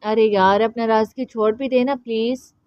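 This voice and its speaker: A woman voicing a doting young uncle who speaks gently and coaxingly to his nephew. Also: high-pitched, brisk, no room sound, lo-fi sound, natural voice. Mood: fond.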